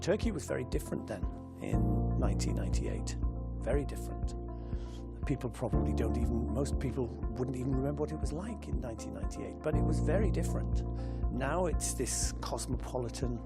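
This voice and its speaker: A man in a documentary interview, telling in a measured, reflective way about his years working abroad. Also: medium pitch, expressive, creaky. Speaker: retail executive interviewee. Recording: loud music under the voice.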